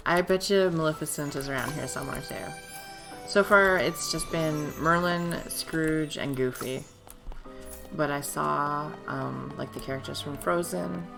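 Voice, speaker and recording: Woman, hoarse gravelly voice, low pitch, chatty rambling gameplay commentary, game music behind. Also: measured pace. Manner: chatty, rambling, self-interrupting. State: hoarse, losing her voice. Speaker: streamer. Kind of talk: casual live gameplay commentary.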